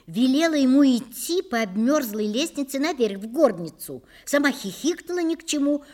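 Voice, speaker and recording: A woman narrates an audiobook with expressive, lively storytelling. Her voice sits somewhat high.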